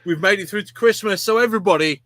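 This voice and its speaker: A man's voice: high-pitched, fast talker, fairly bright tone, no echo. A man hosting a podcast live, signing off in a boisterous, rambling, sweary way. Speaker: podcast host. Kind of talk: casual chat, sweary sign-off.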